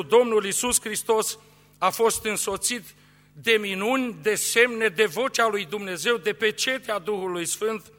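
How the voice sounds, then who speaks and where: A man's voice: high-pitched, pushed and bright. A man preaching a sermon and reading scripture, solemn and emphatic, with a rising and falling delivery. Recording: long hall reverb.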